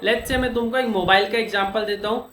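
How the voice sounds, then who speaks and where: A man teaching an accounting lesson, walking through each step with questions to his students and slowing down to dictate formulas. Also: sits high, fairly even intonation, fairly bright tone. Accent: Indian. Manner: explains step by step with rhetorical questions. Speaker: commerce teacher. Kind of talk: classroom lecture. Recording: echoey room, faint noise.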